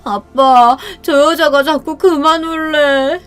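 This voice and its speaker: A woman voicing a drunk husband who whines and pleads slowly like a crying child. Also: high voice, fairly even intonation, a bit bright, soft background music, voice pushed up. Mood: whiny. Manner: whiny, slow and crying. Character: drunk weepy adult husband, man.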